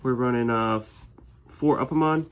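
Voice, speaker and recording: A tournament winner with a slight head cold sniffles now and then as he walks through his winning card game deck. His mid-range voice moves at a moderate pace, and the recording carries a little hiss or hum. He sounds easygoing, full of fillers and restarts.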